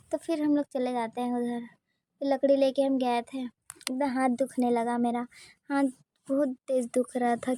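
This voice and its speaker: A woman narrating her vlog in a casual voice-over, telling a simple story with hesitant pauses. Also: high voice, mellow. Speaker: vlogger.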